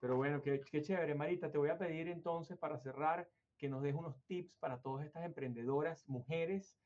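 A Venezuelan man hosts a conversational interview, talking at length and rambling hesitantly with lots of fillers and restarts. His voice is a little high and darkish, he speaks fairly quickly, and the lo-fi recording sounds dull.

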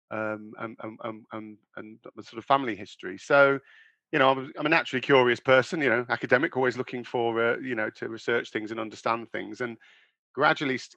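A middle-aged man who grew up in England talks through his background as a guest author. His voice is bright and forceful, recorded dry and close, and he keeps pausing, filling with ums and starting his sentences over. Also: medium pitch, no echo. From born in the USA, raised in England. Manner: halting, many ums and restarts. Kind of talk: conversational interview.

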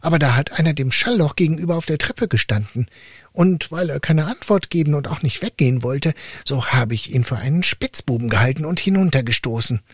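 A naive, fearless young lad from a fairy tale, voiced by a male storyteller, bold and earnest with a voice lifted high above the reader's own. The tone is husky and dry, close to the mic. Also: lively intonation, fairly quick, dry recording. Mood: protesting.

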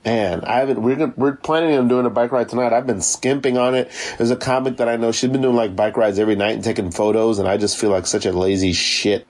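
A man's voice: mid-range voice, fairly even intonation, fast talker, hardly any pauses, a little mellow. Slangy man chatting in a mid-range voice. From Florida, United States. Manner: slangy, swears casually, restates points. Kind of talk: casual chat, anecdotes. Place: remote call from New York City.

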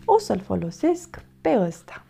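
A woman's voice: fairly high pitch, big pitch swings, creaky, pitched above the performer's own voice, full character voice. Woman voicing a messy young turtle boy. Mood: eager.

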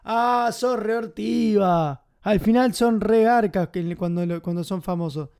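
A man's voice: high-pitched, measured pace, darkish tone, clean tone. Man doing an offended Argentine fan. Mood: resentful. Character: offended passerby fan shouting across a street.

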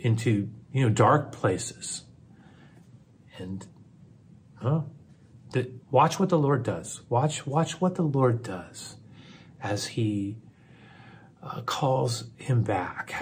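A man with a lowish voice preaches a sermon, repeating phrases as he builds. He presses hard on some lines and drops to a near-whisper on others. A faint hiss sits under the recording. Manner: swings between forceful emphasis and soft near-whisper, repeats phrases. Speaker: pastor.

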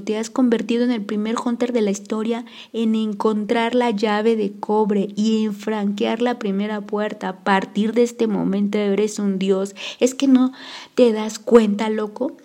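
A woman reading an audiobook, voicing a loud, excitable, foul-mouthed young man who teases and shouts at his best friend. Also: medium pitch, moderate pace, hardly any pauses, natural voice. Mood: excited. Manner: shouting, teasing, exclamatory.

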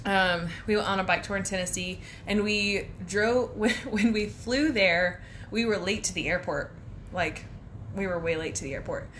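A young woman tells a travel story on a casual podcast, rambling from one detail to the next and breaking into laughter along the way. Her voice sits at an ordinary middle pitch. A faint hum runs under the recording. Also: moderate pace, a bit bright. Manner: rambling, laughs often while telling stories. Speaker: podcast co-host.

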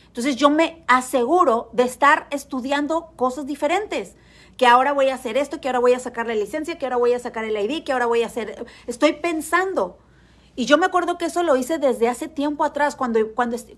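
A woman's voice: high-pitched, a bit bright. A woman in her thirties giving a motivational talk, speaking emphatically, repeating key phrases and putting questions straight to her listeners.

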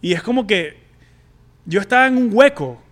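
A young man with a Venezuelan accent candidly telling a personal story on a podcast, halting and full of slang. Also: high voice, lively intonation, fairly bright tone. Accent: Venezuelan Spanish. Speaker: podcast co-host.

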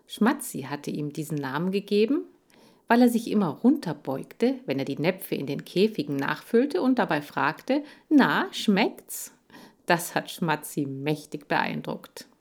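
A woman reads a children's book aloud, slowly and with a lively, rising and falling voice. Her tone sits on the lower side for a woman. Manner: slow, lively expressive reading. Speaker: audiobook reader. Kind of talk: children's story reading.

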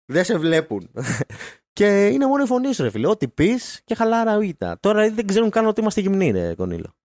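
A man hosts a casual podcast, his voice swinging lively up and down as he teases his guest. The sound is dry and close to the mic, with no room around it. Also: high-pitched, no echo. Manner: playful, teasing, laughs often. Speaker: podcast host. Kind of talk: casual chat.

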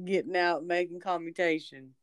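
A woman interviewing a guest, speaking slowly and calmly. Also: fairly low pitch, dry recording, studio quality. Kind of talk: conversational interview.

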